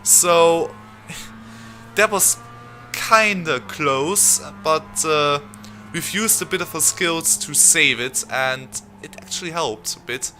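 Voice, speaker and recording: A young man with a very bright, forceful voice, not a native English speaker, commentates on his racing game in a quick, rambling way full of fillers. Soft game music runs behind him. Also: on the high side. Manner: fast, rambling, chatty with many fillers. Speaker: sim racing channel host.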